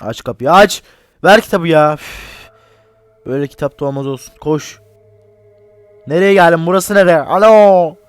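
A man's voice: on the high side, normal speed, pauses often, clear, resonant tone, dry recording, faint music behind. A young man giving casual, unedited commentary on a horror game. He talks jokily, swears and yelps whenever something frightens him. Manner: jumpy, swears and yelps when scared, joking. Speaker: gaming channel host. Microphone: desk mic, separate from game audio.

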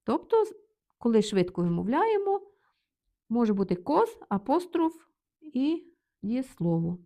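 A woman's voice: fairly high pitch, sing-song, measured pace, mellow. A woman teaching a language lesson, reading example phrases and translating each one in turn. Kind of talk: explaining vocabulary with examples.

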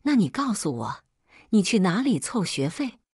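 A woman's voice: mid-range voice, big pitch swings, moderate pace, a little mellow, husky, dry recording, clean studio sound. A woman voicing a harsh, angry middle-aged father who talks coldly and cuttingly. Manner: cold, cutting.

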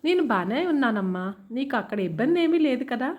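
A woman voicing a gentle, caring middle-aged mother-in-law who speaks affectionately in a told story. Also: high voice, sing-song, fairly quick, lo-fi sound. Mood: tender, concerned. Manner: affectionate, concerned. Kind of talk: storybook character voice.

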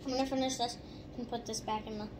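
A young woman's casual chatter comes muffled from behind her hand while she eats. Her voice sits a little high. There is steady noise behind her. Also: quick pace. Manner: chatty, talking while chewing. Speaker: vlogger. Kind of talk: casual food-tasting vlog. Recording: clear background noise.

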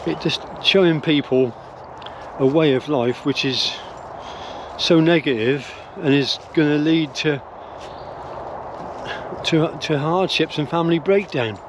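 An older English vlogger muses aloud on a woodland walk with his dogs, speaking slowly in a rather high voice. He's hesitant, with many restarts and fillers, as he rambles through his opinions. Captured on a phone or camera held close at arm's length, the audio has a noisy background.

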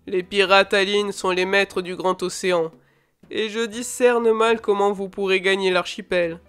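A woman's voice: mid-range voice, steady tone, a little slow, fairly bright tone, clear, resonant tone, soft background music, pitched below the performer's own voice, lightly acted. Woman voicing a stern old lord. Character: stern bearded older male lord, fatherly.

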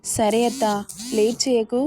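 Feisty young bride, read by a woman, slightly high, warm tone. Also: steady tone, a little slow, lightly acted. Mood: playful. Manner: feisty, playful. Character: young woman, spirited, feisty new wife.

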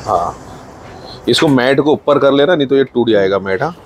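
A man's voice: mid-range voice, animated, normal speed. Man with a Mumbai Hindi accent, farm owner doing casual phone-camera vlog narration outdoors, chatty, faint noise behind. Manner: chatty, points things out, mixes in English words. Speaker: farm owner filming his buffalo feeding.

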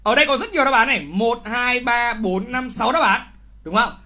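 Bright-voiced man teaching lively. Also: very high voice, brisk. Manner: lively, teasing, scolds wrong answers with exclamations; repeats key words for emphasis. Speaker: literature teacher. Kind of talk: live online exam review.

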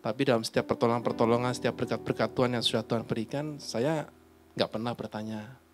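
A man's voice: medium pitch, fairly even intonation, fast. A man, a guest and husband, giving a sincere, plain testimony and often repeating his phrases. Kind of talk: personal testimony on a talk show. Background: faint guitar music.

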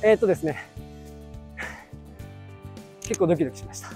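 A man's voice: high voice, animated, brisk, mellow, faint music behind. A man hosting a casual outdoor vlog, chatting playfully and repeating short phrases. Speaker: host of a street stunt video. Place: city street and plaza at night, outdoors.

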